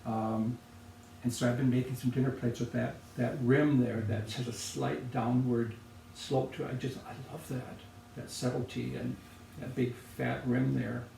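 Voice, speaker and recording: Older man, gravelly voice, warm dark tone, reflective potter, roomy distant recording. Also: medium pitch, little pitch movement. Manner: thoughtful, unhurried, with pauses and restarts. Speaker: potter presenting objects. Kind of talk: relaxed reflective conversation. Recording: roomy, distant from the mic, faint noise.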